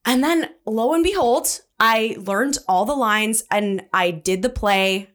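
A young woman from Canada talking as a podcast guest in an upbeat, expressive, animated way. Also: on the high side, slow. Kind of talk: casual chat.

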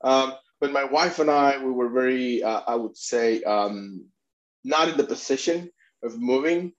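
A man's voice: mid-range voice, unhurried. Middle-aged man from Puerto Rico, earnest interview guest, frequent restarts, dull lo-fi sound. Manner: earnest, many restarts and fillers. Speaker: immigration attorney and advocate, guest. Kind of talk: conversational interview.

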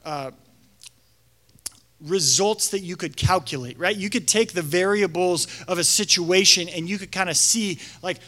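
A young man, a pastor, giving a casual storytelling sermon in an animated way, full of filler words. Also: high voice, measured pace. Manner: animated, frequent fillers, acts out quotes.

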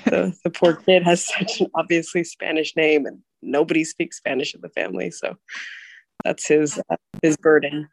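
A woman in her thirties from California, telling her story as a podcast guest in a relaxed, chatty way. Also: low-pitched, normal speed, gravelly, no echo. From California, USA. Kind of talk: personal storytelling interview.

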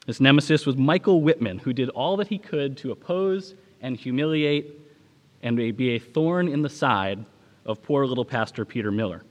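A man delivering a sermon as a pastor, speaking in a measured, preaching manner with dramatic pauses. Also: mid-range voice, expressive, a little mellow, in a large hall, dull audio.

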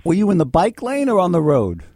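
A man's voice: sits high, wildly swooping pitch, brisk, darkish tone, husky, dry recording. A middle-aged American man hosting live legal advice radio, talking bluntly and repeating himself in an exasperated, scolding way. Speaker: radio host and lawyer giving call-in legal advice. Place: radio studio.

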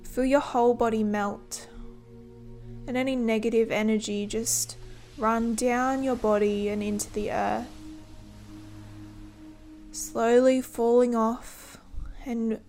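A woman leading a guided body-scan meditation in a gentle, soothing manner, giving instructions in short, unhurried phrases. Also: fairly high pitch, fairly even intonation, faint music behind.

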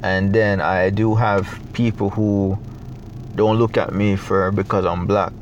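A young adult man from Jamaica, speaking with a Jamaican accent, is a guest in a casual interview, talking reflectively and haltingly with many fillers. His voice is fairly low and level, with lo-fi sound and slight background noise.

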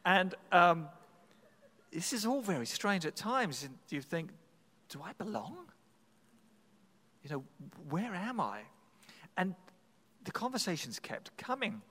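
A pastor with a fairly high, sharp voice tells a personal story in his sermon, conversational and self-deprecating, often restarting his sentences. A long reverb tail trails his voice.

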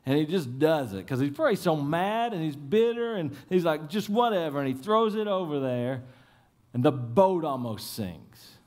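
A man preaching an Easter sermon. His voice sits a little high for a man. He retells scripture scenes the way you'd tell a friend a story, casual and lively, and keeps asking the congregation whether they're following. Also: moderate pace. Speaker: pastor.

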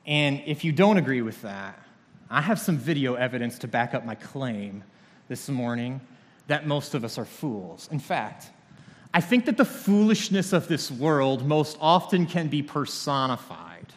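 A man's voice: mid-range voice, expressive, unhurried. A man preaching a sermon as a pastor, talking conversationally with dry humor. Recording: long reverb of a large hall.

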